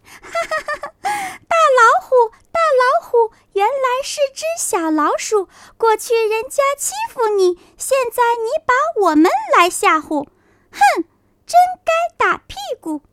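A chorus of tiny storybook forest creatures, squeaky and excitable, rushing their words, as a woman pitches her voice way up. Very high and lively, close and dry. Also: no echo, heavily acted. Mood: mocking. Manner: high, shrill, quick and excited. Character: frightened, then mocking little forest animals.

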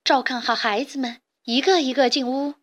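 A woman's voice: sits high, steady tone, moderate pace, lightly acted. A woman voicing a brave, level-headed mother hen who gives firm, reassuring orders, in a children's storybook reading. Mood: commanding.

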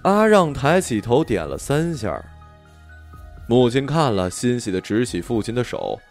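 A male storyteller narrates an audiobook, and his pitch rises and falls widely as he tells the story. He sounds expressive and animated, with faint music playing underneath. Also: measured pace.

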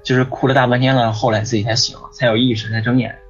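Husky-voiced man telling a story, rambling. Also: mid-range voice, little pitch movement, racing. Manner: rambling, repeats words, frequent "你知道吗". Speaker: guest. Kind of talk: casual storytelling on a ghost-story podcast. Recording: dull lo-fi sound with faint music behind.

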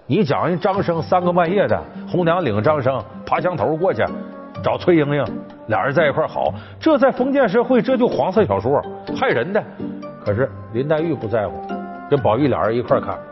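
A man giving a colloquial, animated storytelling lecture on a classic novel, speaking straight to his listeners. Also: fairly high pitch. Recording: dull, with background music.

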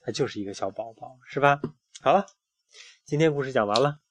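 A man reading a bedtime story aloud to his child, with soft, playful asides. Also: medium pitch, fairly quick, slight background noise.

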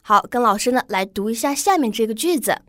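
Woman language teacher, bright-ish higher voice, dry studio read, slow deliberate model words. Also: animated, no echo. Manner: slow, drawn-out model pronunciations. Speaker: English teacher. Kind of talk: pronunciation lesson.

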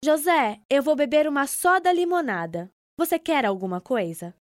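A woman's voice: sits high, animated, moderate pace, dry recording, clean studio sound. A woman playing a chatty friend. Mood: friendly. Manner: bright, chatty and upbeat. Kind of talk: scripted textbook dialogue.

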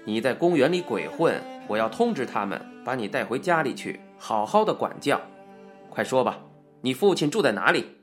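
A gruff, heavyset police officer, voiced by a male narrator fires off loud, pressing questions in this audiobook reading. His pitch swings lively. Faint music plays underneath. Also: normal speed, close to an everyday voice. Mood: bullying.

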